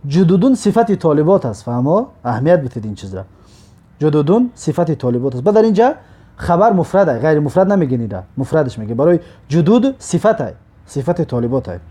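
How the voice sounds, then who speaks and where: In a recorded grammar lesson, a man with a Tajik accent and a high, dark voice teaches Arabic grammar. He slowly drills drawn-out example words, repeating them for students, and pauses with short asides to check understanding.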